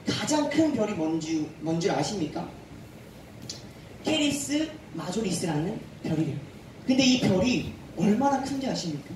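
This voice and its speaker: A man who is a youth pastor, preaching a sermon to a youth group and telling the story in a lively way while quizzing his listeners. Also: high voice, a little hiss or hum. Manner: animated storytelling, quizzes the audience. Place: church hall. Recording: echoey hall, far from the mic.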